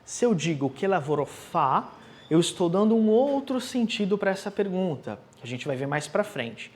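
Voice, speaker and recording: A man teaching Italian, explaining pronunciation and repeating phrases slowly with careful articulation. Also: sits high, very animated. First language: Portuguese. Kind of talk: language lesson, modeling pronunciation for repetition.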